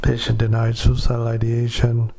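A male doctor dictating notes into a dictaphone at a retirement community, halting with frequent fillers and reading punctuation aloud. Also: mid-range voice, monotone, creaky, warm tone. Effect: dictaphone recording. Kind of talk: medical dictation.

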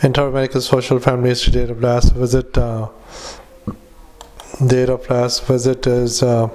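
A man gives a medical dictation in a flat, even voice. He speaks as a clinician working through notes, in clipped, list-like phrases. His delivery is halting, with frequent fillers between items. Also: mid-range voice. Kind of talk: medical dictation with spoken punctuation.

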